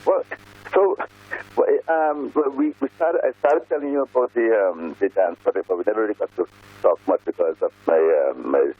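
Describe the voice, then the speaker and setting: A man's voice: on the low side, expressive, normal speed, breathy edge. A man speaking casually as a guest caller over a landline phone. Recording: muffled, choppy landline phone call.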